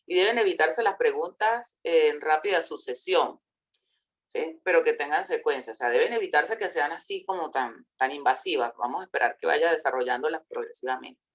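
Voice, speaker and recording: A woman with a fairly low voice gives a relaxed recorded lecture on counseling. She talks it through conversationally, with fillers and small self-corrections, and keeps checking that her listeners follow. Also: moderate pace. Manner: explanatory, reads out example dialogue, checks in with listeners.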